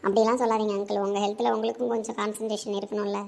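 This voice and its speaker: A woman playing a kind young granddaughter who talks in a brisk, reassuring way. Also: mid-range voice, level tone, creaky, a little mellow, natural voice. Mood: caring.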